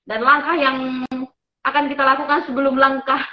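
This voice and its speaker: A woman hosting an online Bible study, addressing viewers politely with some hesitant pauses. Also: high voice, flat delivery, dull audio. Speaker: host. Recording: roomy, echoing sound.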